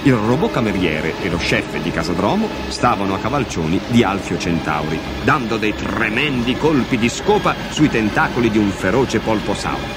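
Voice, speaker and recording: A man narrating a children's story with an expressive, dramatic reading. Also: fairly low pitch, moderate pace, hardly any pauses. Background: music.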